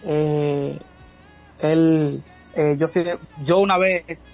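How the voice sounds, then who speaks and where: Hesitant Dominican man, fairly high voice. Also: steady tone, vocal fry, a little mellow, muffled recording, soft background music. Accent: Dominican Spanish. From Dominican Republic. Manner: halting, many filler sounds. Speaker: guest singer. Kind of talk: casual interview.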